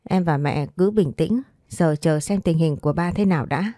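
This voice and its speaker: A woman voicing a steady young husband who speaks calmly and firmly. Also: low-pitched, normal speed, no echo, clean studio sound, natural voice.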